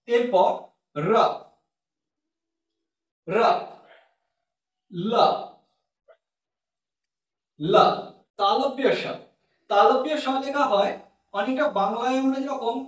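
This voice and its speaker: A man teaching as a language teacher, patiently explaining and repeating each letter slowly. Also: sits high. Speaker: Sanskrit teacher. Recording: very echoey room, mic far off.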